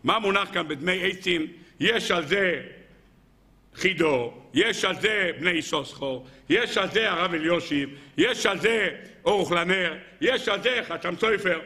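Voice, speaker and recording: Rabbi teaching a Torah class, high and bright, animated storyteller with rhetorical questions. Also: male voice.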